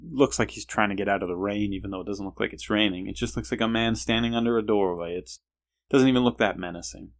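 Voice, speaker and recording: A man's voice: lowish voice, fast. A man hosting a podcast, telling a story and musing aloud, often hesitant and repeating himself as he thinks. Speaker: podcast host. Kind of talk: casual solo podcast storytelling.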